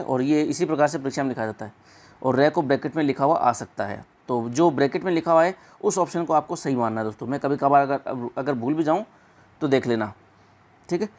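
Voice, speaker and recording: Male tutor, a touch high-pitched, patient exam-prep lesson, slow stretched repetitions. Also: darkish tone. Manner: repeats words slowly and drawn out. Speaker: teacher.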